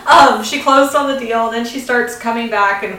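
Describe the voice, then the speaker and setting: A woman's voice: a little high, moderate pace, sharp tone, far from the mic. Chatty woman in an echoey room. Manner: chatty storyteller, laughs easily. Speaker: podcast co-host. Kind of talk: casual chat.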